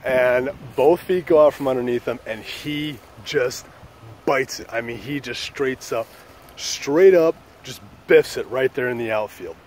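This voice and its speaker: A man in a casual vlog tells a story in an easygoing, profane, joking way. His voice sits at a middling pitch. A faint hum of traffic runs underneath. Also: unhurried, darkish tone. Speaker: channel host.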